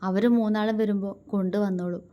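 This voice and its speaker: A woman voicing a gentle young man in a storybook who comforts others with a voice that keeps breaking. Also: mid-range voice, little pitch movement, brisk, smooth, dull audio, close to an everyday voice. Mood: grieving, comforting. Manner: soft, voice breaking.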